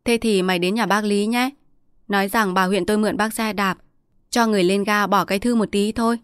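A woman's voice: mid-range voice, steady tone, brisk, clean tone, no echo, studio quality, lightly acted. A woman storyteller voicing a district chief's wife, an indulgent mother who coaxes her child and bosses her servants. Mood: commanding. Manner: coaxing, bossy to servants.

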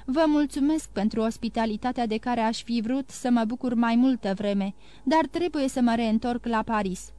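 Picture a young nobleman close to breaking, urgent and pleading, as a woman reads him aloud in a storybook. The voice sits fairly high and the recording is dry and close. He pushes his words out in a hurry. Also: dark tone, smooth, dry recording, natural voice. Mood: distraught. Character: young nobleman, distraught and hasty.

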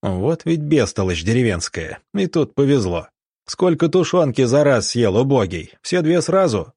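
A man voicing a gruff, quick-tempered army ensign who scolds and threatens. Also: medium pitch, sing-song, darkish tone, dry recording, studio quality, voice pushed up.

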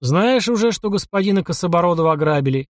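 A man's voice: sits high, lively intonation, quick pace, no echo, studio quality. Guy reading grouchy hungover major, short snappy lines, audiobook. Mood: curt. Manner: gloomy, curt. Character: gloomy, irritable hungover middle-aged male major.

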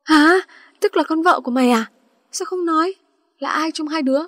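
A quarrelsome young man trades insults in a storybook tale, put on by a woman narrator. The voice sits high and sounds dry and close. His manner is mocking and brash. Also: moderate pace, a bit bright, dry recording. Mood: teasing.

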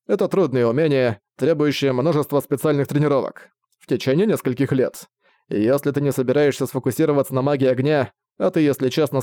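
A man voicing a carefree male priest who mentors a student, speaking in an unhurried, lightly mocking way. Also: mid-range voice, warm tone, dry recording, studio quality, natural voice.

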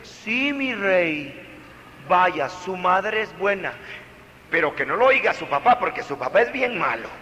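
Guy doing a sugary indulgent mom, high and sweet, faint ambience. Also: very animated, unhurried, sharp tone, big-room sound, slight background noise, full character voice. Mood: coaxing. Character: indulgent mother spoiling her son.

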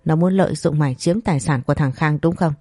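A woman's voice: fast, mellow, no echo, studio quality. A woman voicing a furious, hysterical rich middle-aged mother who scolds and curses. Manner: shrill scolding, cursing.

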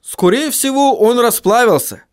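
Dwarf printer, voiced by a man, raised and slow, plain-spoken, audiobook figure. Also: extremely high pitch, pitched above the performer's own voice. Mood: matter-of-fact. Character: matter-of-fact male dwarf printer.

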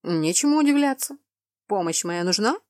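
A woman voicing a relaxed male advisor. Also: mid-range voice, normal speed, no room sound, studio quality, lightly acted. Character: friendly male advisor to a duke.

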